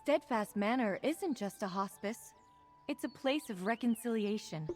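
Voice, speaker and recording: A caring, slightly stern healer woman from a fantasy game. Her voice sits a little high and she speaks in a measured, polite, earnest manner. Soft music plays under her. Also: expressive. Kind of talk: video game quest dialogue.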